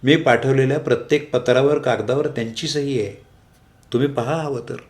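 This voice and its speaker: A man's voice: mid-range voice, steady tone, moderate pace, a little mellow, voice pushed up, lightly acted. A man voicing a female office clerk who defends herself in a polite, earnest tone, read aloud in a story.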